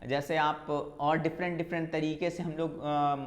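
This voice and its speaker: एक महिला शिक्षिका परीक्षा की तैयारी का लेक्चर दे रही हैं, बीच-बीच में अंग्रेज़ी शब्द मिलाते हुए, बातें दोहरा कर कदम-दर-कदम समझाती हैं।. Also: female voice, deep voice, flat delivery, moderate pace, roomy sound. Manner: explains step by step, repeating key terms; mixes in English terms. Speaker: English literature teacher. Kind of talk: exam-prep lecture.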